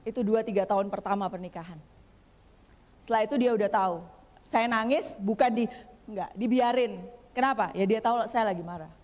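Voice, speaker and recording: A woman's voice: mid-range voice, brisk, darkish tone. A woman guest pastor giving a chatty, humorous sermon in a church, often turning to speak straight to the congregation. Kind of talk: conversational sermon. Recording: long church hall reverb.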